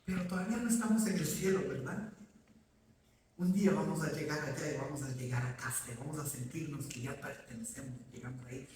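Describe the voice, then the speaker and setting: Preacher in an echoey church. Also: male voice, fairly high pitch, brisk, a little mellow, slight background noise. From Ecuador. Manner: direct, addresses listeners as usted, asks questions and answers them. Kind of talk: sermon. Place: church sanctuary. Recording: echoey hall, voice from far off.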